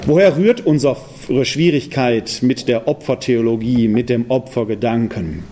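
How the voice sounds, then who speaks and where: A man's voice: mid-range voice, a little hiss or hum. Man from the Ruhr area giving a lecture. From Ruhr area, Germany. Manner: quick, lively talk with pointed rhetorical questions. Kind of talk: public lecture. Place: parish hall.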